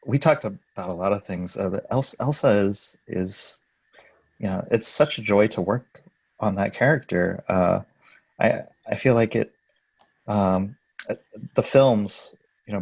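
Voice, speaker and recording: A soft-spoken man with a low, gravelly, husky voice answers haltingly, with many pauses and fillers. The audio is muffled and dry. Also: no room sound. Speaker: supervising animator. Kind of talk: panel answer.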